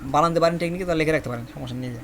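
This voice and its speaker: A man from Bangladesh with a high, slightly bright voice teaches Korean vocabulary at a very fast pace, repeating each word many times and quizzing the class. The lesson uses memory tricks, and a faint hiss runs beneath it.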